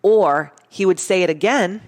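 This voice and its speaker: A woman's voice: lowish voice, measured pace. A woman guest in a casual interview, telling stories bluntly, swearing freely and acting out what people said. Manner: animated, blunt, swears freely, acts out quotes. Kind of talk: casual storytelling chat.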